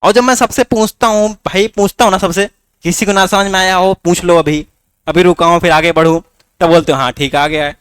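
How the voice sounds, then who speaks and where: A man's voice: high voice, steady tone, a little fast, a bit bright, clean tone, dry recording. Hindi-accented guy teaching a class, keeps asking students if they get it, dry close sound. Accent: Hindi, north Indian. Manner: rhetorical questions, coaxing students. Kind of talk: classroom lecture.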